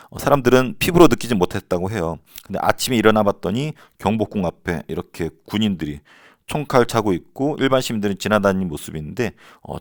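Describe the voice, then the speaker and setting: A man in his forties teaching a high school history lesson, casual and joking, now and then shouting out slogans. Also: dry recording, studio quality. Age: 40s. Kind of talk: lecture for high school students.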